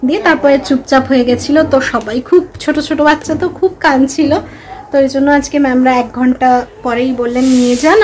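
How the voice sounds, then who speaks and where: A woman's voice: high voice, darkish tone, a little hiss or hum, rough recording. A woman, a mother chatting casually to her viewers in a home vlog. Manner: chatty, addresses viewers directly. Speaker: vlogger, mother.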